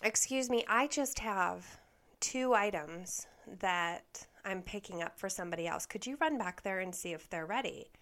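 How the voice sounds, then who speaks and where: A woman quoting a hurried, defensive female delivery driver in a storytime vlog, her tone huffy and indignant. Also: medium pitch, a bit bright, natural voice. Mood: sweetly pushy.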